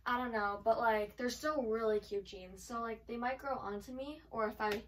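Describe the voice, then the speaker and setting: A chatty woman vlogger talking through a clothing try-on, her speech full of "like" fillers. Her voice sits fairly high, and she is heard from a little way off the mic. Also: fairly even intonation, normal speed, recorded from a distance, rough recording. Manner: chatty, filler-heavy with frequent "like". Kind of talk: casual try-on haul chat. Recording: voice from away from the mic.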